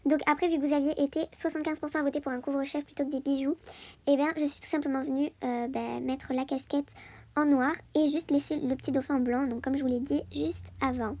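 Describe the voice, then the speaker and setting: A woman's voice: high voice, fairly even intonation, quick pace, darkish tone. A woman giving a casual voice-over for her video, chatty and full of hesitations and fillers. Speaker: video host.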